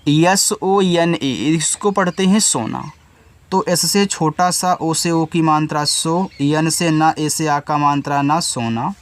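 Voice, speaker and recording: Speaking slowly in a slightly high voice, a man teaches English spelling in Hindi. He spells every word out letter by letter, then patiently explains how each sound is read.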